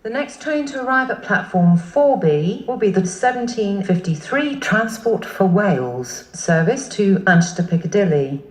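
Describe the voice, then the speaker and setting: A woman's automated voice on a railway platform, her announcement stitched together from separate prerecorded words. It rings out over an echoey station loudspeaker, with a lively rise and fall in pitch. The stops are read off one by one in a measured, evenly paced way. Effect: automated announcement spliced together from prerecorded words. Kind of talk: automated public address announcement.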